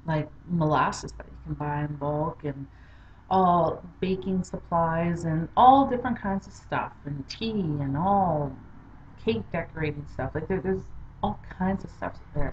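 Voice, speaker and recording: A woman's voice: low voice, slight background noise. Chatty upbeat woman on lo-fi home video. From Saskatchewan, Canada. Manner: chatty, upbeat, rambling with fillers. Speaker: vlogger. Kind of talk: casual chat to camera.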